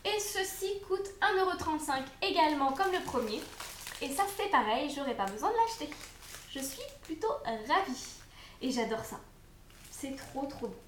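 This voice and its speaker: A woman's voice: sits high, lively intonation, moderate pace, fairly bright tone, a little hiss or hum. A young woman chatting casually as she unboxes and reviews food products, with frequent hesitations and fillers. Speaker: unboxing vlogger. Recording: echoey room.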